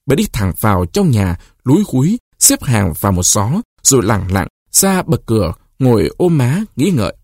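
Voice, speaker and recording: A male narrator reads a short story aloud, his pitch rising and falling freely as he tells it. His voice is husky, and the recording is close and dry, with no room sound at all. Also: normal speed, hardly any pauses, no room sound. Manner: expressive storytelling. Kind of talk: audiobook reading of a short story.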